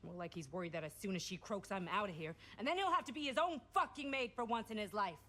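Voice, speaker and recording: An actress voicing a sharp-tongued, fed-up young adult sister in a video game, talking bluntly and sarcastically. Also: female voice, medium pitch, expressive, quick pace, a little hiss or hum. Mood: angry.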